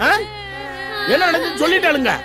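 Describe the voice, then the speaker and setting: A woman's voice: sits high, a little fast, natural voice. An actress playing a worldly woman who scolds and lectures the younger women, in film dialogue. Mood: scolding. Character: scolding, worldly slum woman, sharp-tongued. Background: film score music.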